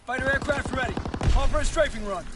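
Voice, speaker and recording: An actor playing a brisk male military radio announcer in a war game, speaking in short, clipped calls. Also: very high-pitched, very noisy. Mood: curt. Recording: game audio under loud gunfire.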